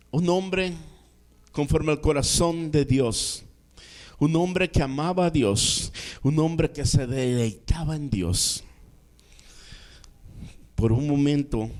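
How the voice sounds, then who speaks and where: A male minister preaching a sermon, telling a Bible story dramatically, swinging from soft low asides to raised emphatic lines and calling out amén.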